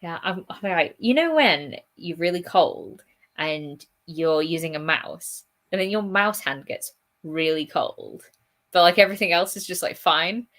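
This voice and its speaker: Chatty young woman co-hosting, low-pitched. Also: animated, a little slow, a bit bright. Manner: chatty, laughs often, lots of "like". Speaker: co-host. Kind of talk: casual chat during writing sprint.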